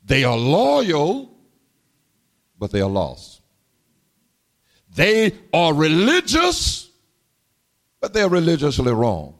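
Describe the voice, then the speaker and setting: Man, preacher, sermon, slow delivery, lively pitch, call-and-response. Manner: cadenced preaching, swings from low murmurs to shouted sung phrases; repeats and calls to the congregation.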